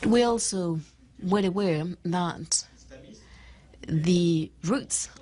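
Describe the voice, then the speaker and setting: Woman's slow translation voice-over. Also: on the low side, mellow. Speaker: interpreter. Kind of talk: simultaneous interpretation of a speech.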